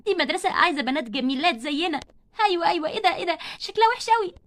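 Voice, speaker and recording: A woman's voice: extremely high pitch, lively intonation, rapid-fire, a bit bright. A woman with an Egyptian accent voicing snooty schoolgirls who sneer at a classmate in a doll play story. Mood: mocking. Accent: Egyptian Arabic. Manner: sneering, scornful. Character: mean mocking schoolgirls, snooty and catty.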